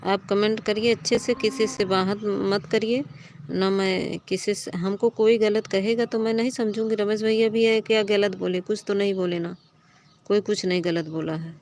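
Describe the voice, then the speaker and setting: A woman hosts a live stream and talks straight to her chat at an ordinary middle pitch. She keeps pleading and reassuring, then turns to scolding commenters who argue. A faint hum of room ambience sits under her voice. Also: steady tone, moderate pace, a little mellow.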